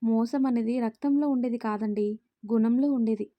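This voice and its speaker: An earnest, outspoken young woman who pleads and stands firm, from a spoken storybook, read by a woman. The voice is fairly high and mellow, with a dry, close sound. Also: moderate pace, no echo, close to an everyday voice. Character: young woman, a firm and caring caretaker of a little girl.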